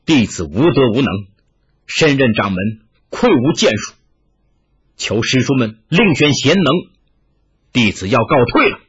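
一位男子演绎一位温和而坚定的年轻剑客，嗓音沙哑，语气低沉恳切，录音音质发闷。. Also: male voice, sing-song, unhurried, long pauses, breathy edge, dull audio, heavily acted. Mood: humble. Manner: low, soft, earnest pleading. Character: earnest young male swordsman, gentle and resolute.

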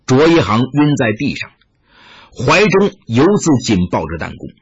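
A man narrating a martial-arts tale with dramatic, animated delivery. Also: medium pitch, unhurried, breathy edge. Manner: animated, rising and falling with the action. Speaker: storyteller. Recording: muffled lo-fi recording.

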